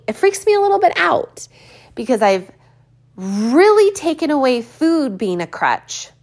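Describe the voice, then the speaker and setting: A woman in her early forties talking candidly in a reflective personal vlog, thinking aloud with pauses and fillers. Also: mid-range voice. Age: 40s. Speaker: vlogger.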